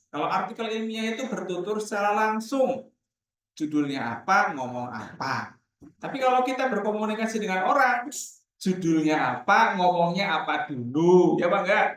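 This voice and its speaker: Guy lecturing students on writing, acts out little chats, booming echo all over the classroom. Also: normal speed. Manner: lively, acts out dialogues in changing voices. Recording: very echoey classroom from far off.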